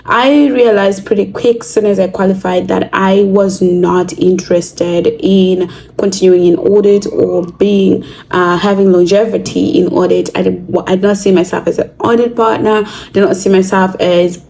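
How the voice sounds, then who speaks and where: A woman's voice: mid-range voice, fairly even intonation, moderate pace, gravelly, hardly any pauses, a little mellow, a little hiss or hum, poor audio. A young adult woman from Zimbabwe, talking earnestly and reflectively to camera in a casual vlog. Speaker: vlogger.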